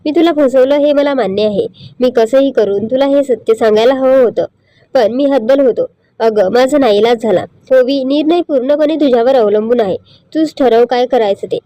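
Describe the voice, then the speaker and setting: A woman reading the lines of a gentle young husband who earnestly apologizes and pleads with his wife. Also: sits high, moderate pace, dry recording, natural voice.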